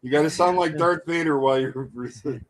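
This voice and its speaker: Guy with a slightly high voice cracking jokes and swearing, loose podcast banter. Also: fast, a crowd in the background, rough recording. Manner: profane, joking and teasing. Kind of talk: casual banter.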